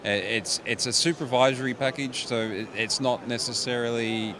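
A man's voice: mid-range voice, steady tone, normal speed. A middle-aged man, a company managing director, explaining his products into a handheld mic at a trade show booth, with frequent restarts. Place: busy exhibition hall booth. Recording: noisy trade show floor.

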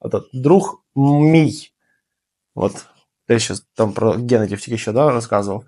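A young man with a mid-range voice teaches German in a casual video lesson, explaining fast and with energy, using fillers and emphatic repeats.

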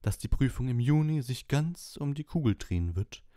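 A man voicing a dramatic older woman who teaches divination, speaking slowly and theatrically in an audiobook. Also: mid-range voice, animated, dark tone, dry recording, clean studio sound, voice pushed up, lightly acted. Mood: portentous. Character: slow, mystic older female divination teacher.

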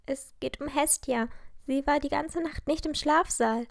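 A woman's voice: high voice, a little slow, gravelly, no echo, studio quality, voice pushed up. A woman voicing a worried teenage schoolgirl who speaks seriously.

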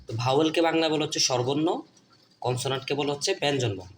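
A man's voice: medium pitch, very fast, slight background noise. Bangladeshi man teaching at a board. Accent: Bangladeshi Bengali. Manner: repeats points, asks and answers his own questions.

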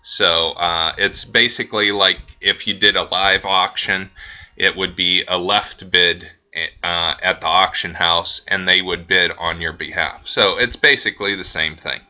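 Man, deep low voice, bright forceful tone, casual website walkthrough, lots of ums. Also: unhurried. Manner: relaxed, with frequent ums and uhs. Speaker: auction house staff giving a website tutorial. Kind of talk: casual screen-recorded walkthrough.

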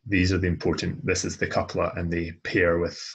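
A man explaining grammar step by step as a language tutor, patient and methodical, with frequent pauses and restarts. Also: deep voice, level tone, breathy edge, dull audio. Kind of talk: explaining grammar over slides.

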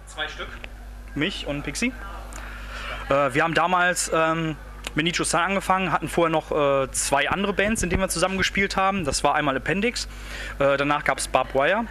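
30s guy, band singer, bright slightly high voice, rambling casual chat backstage. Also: fairly quick, slight background noise. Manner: rambling, relaxed storytelling. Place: backstage room of a music club. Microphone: handheld interview mic.

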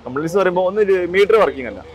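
Man, Kerala accent, rapid-fire casual sales talk, Malayalam-English mix, pitched a bit high. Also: lively intonation, a crowd in the background. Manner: mixes English words into Malayalam. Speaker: used car dealer. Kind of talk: casual car sales presentation in conversation. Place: outdoor car lot.

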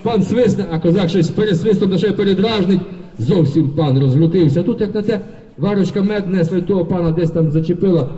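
A man performing a folk tale live on stage, telling it in a lively, vivid way. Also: sits high, a little fast. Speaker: folk storyteller. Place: concert hall, live audience. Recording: dull distant concert-hall recording.

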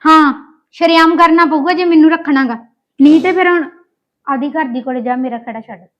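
Blunt high-voiced woman. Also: normal speed, fairly bright tone, muffled recording. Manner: blunt, scolding, defiant. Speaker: actress playing a demanding mistress. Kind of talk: Punjabi short film acting.

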